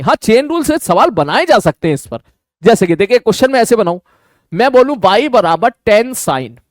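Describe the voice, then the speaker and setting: Hindi maths teacher guy, high-ish voice, chatty q and a style, dry close mic. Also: no echo. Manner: casual, addresses students informally, asks and answers his own questions. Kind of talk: online maths lecture.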